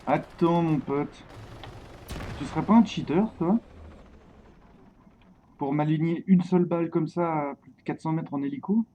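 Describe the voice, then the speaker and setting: A man with a fairly high voice gives excitable live commentary on his gameplay, swearing and bantering with his viewers. The stream audio is dull and lo-fi, with faint noise underneath. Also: measured pace, long pauses.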